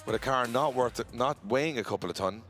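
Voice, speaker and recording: A man's voice: medium pitch, fast, fairly bright tone, soft background music. A man giving live drift commentary, chatty and bantering with his co-host.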